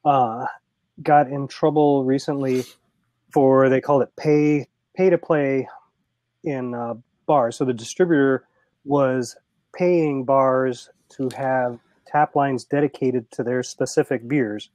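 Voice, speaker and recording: A man's voice: medium pitch, steady tone, slow, a little mellow, no room sound. Laid back guy co-hosting, little uhs and ums, dry sound no room. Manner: easygoing, hesitant with uh and um. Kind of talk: casual chat.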